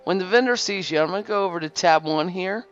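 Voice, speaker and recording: Fast and fairly low-pitched, a woman rambles through casual tutorial narration for a game guide video over gameplay. She fixes her own wording often and uses lots of fillers, and the recording is slightly dull and lo-fi with faint music.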